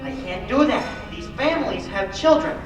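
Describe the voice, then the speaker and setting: A man's voice: extremely high pitch, animated, moderate pace. A young man playing earnest, kindly small-town men in an old-fashioned radio play. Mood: pleading, worried. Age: young adult. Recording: echoey hall, distant mic, music behind.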